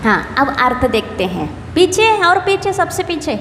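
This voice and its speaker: A woman, a nun, patiently leading a scripture recitation class, correcting pronunciation and gently teasing her students. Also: sits high, very animated, moderate pace. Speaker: Jain nun teaching scripture. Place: temple hall. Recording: echoey hall with long reverb, faint hiss.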